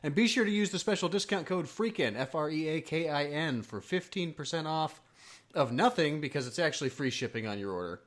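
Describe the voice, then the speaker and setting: A man's voice: on the high side, expressive, fairly quick, a bit bright. A man co-hosting a casual podcast, joking around and doing playful ad reads. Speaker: podcast co-host.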